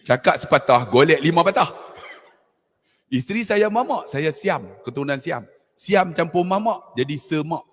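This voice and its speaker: Middle-aged man, husky, animated forum speaker, long hall reverb. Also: fairly high pitch, normal speed. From Malaysia. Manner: lively, jokey, addresses audience as tuan-tuan. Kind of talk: animated storytelling talk to an audience.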